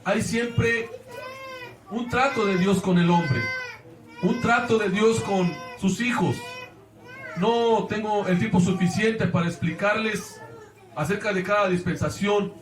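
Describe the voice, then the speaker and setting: Preaching earnestly from the pulpit, this Mexican Spanish-accented pastor repeatedly calls his congregation brothers. He speaks slowly in a voice that sits high, captured from afar in an echoey church with background noise.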